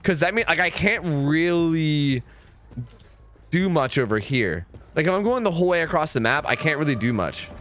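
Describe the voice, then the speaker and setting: Excitable young man commentating gameplay. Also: normal speed. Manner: animated, swears freely, jumps to high-pitched panic. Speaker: streamer.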